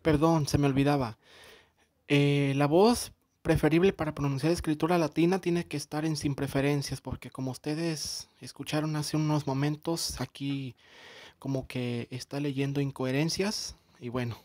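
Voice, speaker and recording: A man hosting a tech tutorial, explaining phone settings in a relaxed, conversational way. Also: on the high side, normal speed, no echo. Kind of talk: casual screen-recording tutorial.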